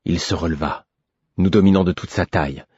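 A man reading a novel aloud in measured, grave first-person narration. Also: deep voice, darkish tone, husky, no room sound, lo-fi sound. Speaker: audiobook narrator.

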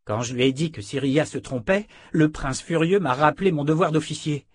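Guy doing a respectful young soldier, earnest, kinda higher voice, dry. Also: fairly quick, slightly rough, dry recording. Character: young male officer, loyal and earnest.

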